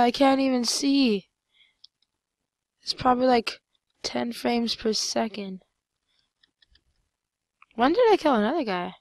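A woman giving casual, rambling commentary over her own gameplay, full of fillers and sudden excited outbursts. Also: on the high side, dry recording.

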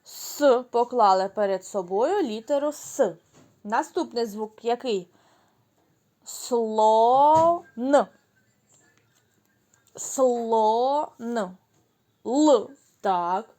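A woman teaching a class of young children in a fairly high voice, pacing herself slowly and carefully. She stretches words out into syllables, answers her own questions and praises the class. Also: lively intonation, a little mellow. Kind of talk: children's lesson.

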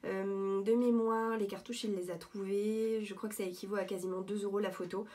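Mellow-voiced woman chatting casually. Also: mid-range voice, fairly even intonation, a little fast. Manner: chatty, hesitant with many fillers and restarts. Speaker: vlogger showing thrift finds. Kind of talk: casual show-and-tell vlog. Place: at home, indoors.

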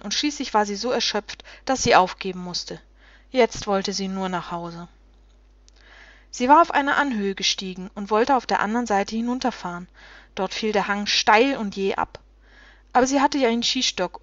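Female storybook reader, expressive and dramatic, slightly high voice, dull dry recording. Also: no room sound. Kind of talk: reading a children's book aloud.

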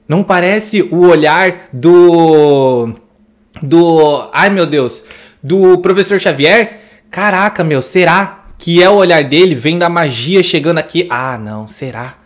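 A man's voice: a little high, slow pace. A man with a Brazilian Portuguese accent reacting to a movie trailer, effusive and exclamatory as he gushes over each scene. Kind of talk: excited trailer reaction commentary.

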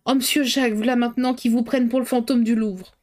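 A woman's voice: medium pitch, moderate pace, a little mellow, lightly acted. A woman voicing a flustered, chatty middle-aged cook who rambles colloquially. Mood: alarmed.

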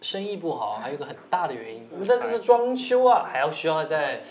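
Man playing a fussy doting mom in a skit, lively up-and-down voice. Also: fairly high pitch, fast. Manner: fussy, bossy home-cook chatter. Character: fussy, doting mother running a family restaurant. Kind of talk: comedy skit role-play.

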